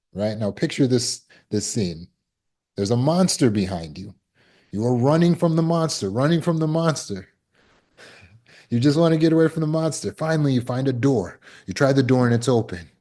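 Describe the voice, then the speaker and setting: A trauma recovery coach with a warm, mid-range male voice gives a conversational self-help talk, acting out scenes and quotes as he goes.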